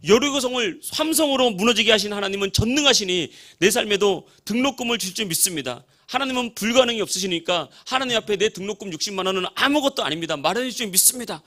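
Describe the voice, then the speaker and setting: A man voicing a young male student praying loudly and fervently, declaiming each line. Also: high voice, expressive, fast talker, hardly any pauses, pitched above the performer's own voice.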